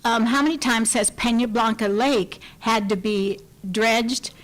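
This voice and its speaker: A woman giving a public comment at a county board meeting, earnest and explanatory, with frequent pauses to search for words. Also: fairly high pitch, steady tone, low-quality recording.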